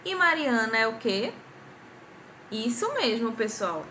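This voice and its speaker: A woman's voice: a little high, sing-song, slow, bright, forceful tone, a little hiss or hum. A young adult woman with a Brazilian Portuguese accent, a primary school teacher recording a patient grammar review for children, asking the class questions and clapping out syllables.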